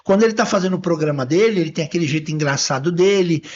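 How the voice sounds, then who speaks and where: High-voiced chatty male host. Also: very fast, darkish tone, dull audio. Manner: chatty, friendly questioner. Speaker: podcast host. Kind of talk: casual interview chat. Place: podcast studio.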